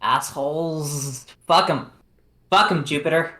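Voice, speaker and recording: A crude, grumbling teenage girl at camp, as a woman reads her part with a tipsy edge. Her voice sits low and slow, with room echo around it. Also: sharp tone, heavily acted.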